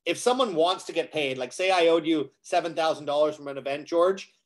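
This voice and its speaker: Chatty storytelling man, slightly high voice. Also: a little fast. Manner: storytelling, acts out quoted dialogue with many fillers. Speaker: guest speaker on cybersecurity. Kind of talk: casual conversation on a live show.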